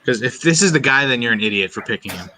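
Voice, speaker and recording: Bright voiced guy on a trivia pod, blunt, teasing his buddies. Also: mid-range voice, animated, fast talker, a little hiss or hum. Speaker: trivia contestant. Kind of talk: casual chat.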